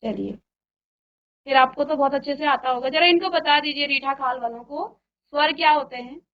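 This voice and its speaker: A woman teacher leads a virtual classroom lesson in a high voice, going through the material step by step. She stops to put questions to her students. The recording sounds dull and lo-fi. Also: moderate pace. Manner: explains step by step and quizzes students.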